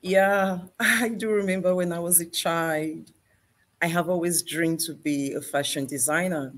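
A middle-aged woman from Benin City, Nigeria, speaks with a Nigerian accent as a fashion designer being interviewed over a video call. Her fairly low voice is steady and unhurried, and she laughs easily while telling stories from an indoor showroom filled with mannequins.

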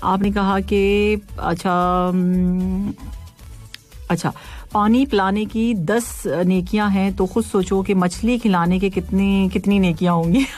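A woman hosting a casual radio show, reading listener messages, playful and quick to laugh and tease. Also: mid-range voice, steady tone, a little mellow, soft background music. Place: radio studio.

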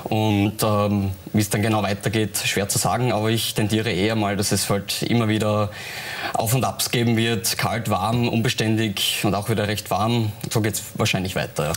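A man's voice: on the low side, flat delivery, moderate pace. A young man, a weather expert answering questions in a TV studio, hesitant with many fillers. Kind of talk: studio interview. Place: TV studio set.

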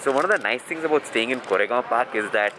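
A man's voice: medium pitch, lively intonation, quick pace, echoey room, background noise. A man in his forties with an Indian English accent, chatting to camera in a casual cycling vlog and explaining things step by step. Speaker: cycling vlogger. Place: hotel room, car and street at night. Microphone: handheld camera at arm's length.

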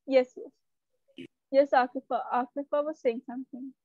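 A woman's voice: sits high, steady tone, measured pace, no room sound, narrow, tinny audio. A woman teacher, giving a live online lesson and explaining step by step while checking that her students follow. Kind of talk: live online class lecture.

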